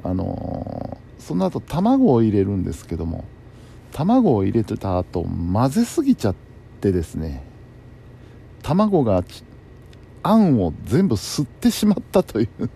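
Low-voiced man in a gravelly, musing chat. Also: wildly swooping pitch, measured pace, warm tone. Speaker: host of a personal bedtime talk show. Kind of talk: casual solo chat. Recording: faint background noise.

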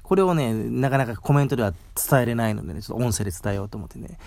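A man from Mie hosting a casual solo talk show outdoors, chatting in a rambling way and tagging his sentences with a soft "ne". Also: medium pitch, lively intonation, very fast, vocal fry, no room sound. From Mie, Japan. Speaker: podcast host.

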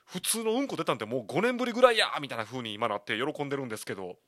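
A man's voice: medium pitch, expressive, racing, pushed and bright, no echo. A man in his thirties with a Kansai accent, hosting a solo talk show as a candid, rambling storyteller. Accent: Kansai Japanese. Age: 30s. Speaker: podcast host.

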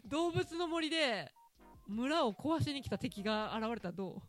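A woman's voice: sits high, big pitch swings, measured pace, music in the background. A woman with an Ehime accent hosting a casual talk show, chatty and teasing and laughing often. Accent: Ehime Japanese. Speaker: podcast host talking with her daughter. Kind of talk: casual talk radio chat.

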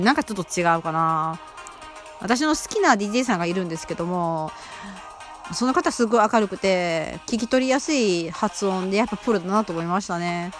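A woman hosting her own casual solo talk show on a radio app, chatting in a rambling, self-deprecating way with many fillers. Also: mid-range voice. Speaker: amateur radio-app host.

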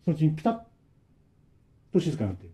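A man telling a spoken ghost story with a lively, swooping delivery. His voice is fairly high but dark and mellow in tone, and he acts out knocks and bangs dramatically. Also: fast. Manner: animated, dramatic storytelling with sound effects.

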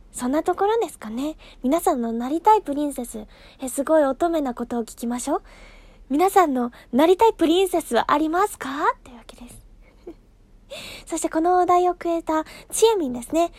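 A woman's voice: high-pitched, a little mellow, no room sound. A woman hosting her own casual solo talk show, chatty and self-deprecating, with many fillers.

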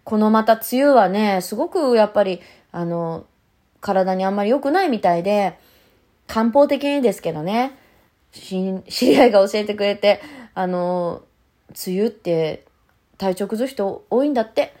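Woman podcaster, casual heartfelt monologue, animated intonation, talks straight to listeners. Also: medium pitch, normal speed. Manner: candid and reflective, talks to listeners directly; many soft fillers and restarts. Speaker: podcast host, single mother.

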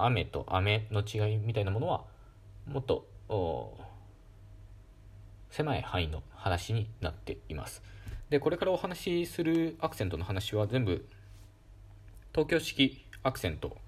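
Brief: low-pitched male host, calm lecture talk with lively pitch swings, lots of fillers. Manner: calm, explanatory, with frequent fillers. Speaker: podcast host. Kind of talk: solo educational talk.

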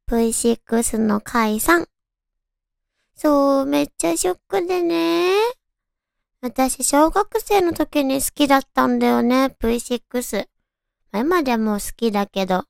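A woman with a high, cute anime-girl voice, hosting a casual solo radio chat and musing aloud to listeners. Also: gravelly, no echo, clean studio sound. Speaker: radio show host.

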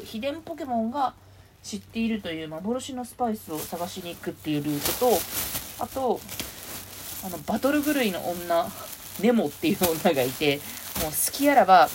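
A woman hosting a casual solo podcast, rambling and chatty as she sorts clothes at home. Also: medium pitch. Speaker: podcast host. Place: at home, sorting clothes while talking. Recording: noisy home recording.

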